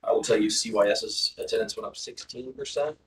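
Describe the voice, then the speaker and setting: A man's voice: medium pitch, brisk, fairly bright tone. A man reporting school test and attendance results to a school board, informal and full of ums and uhs. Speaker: school district administrator presenting data. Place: school board meeting room. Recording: distant microphone in a meeting room.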